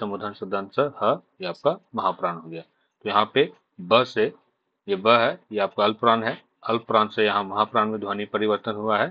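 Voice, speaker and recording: A man teaching an exam revision lesson, slowly listing letters one by one. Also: on the low side. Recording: dull lo-fi sound.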